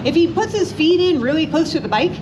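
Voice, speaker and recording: A woman's voice: extremely high pitch, expressive, fast talker. A woman giving a live instructional demonstration to a group, conversational and checking in with her listeners often. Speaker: motorcycle riding instructor. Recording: clear background noise.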